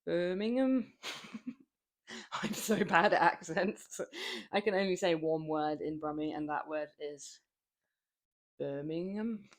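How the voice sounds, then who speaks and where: Her voice sits on the low side, and she speaks slowly with long pauses. She's a young fitness streamer from southern England, with a southern English accent, lifting weights and chatting casually with viewers. She rambles and laughs frequently.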